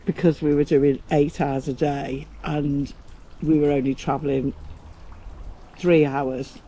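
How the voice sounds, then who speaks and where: Teasing, talkative man, fairly high voice. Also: little pitch movement, slow, dark tone, rough recording. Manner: teasing, talkative, laughs easily. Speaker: pillion passenger and co-host. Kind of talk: casual chat. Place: outdoors in shade at a hotel.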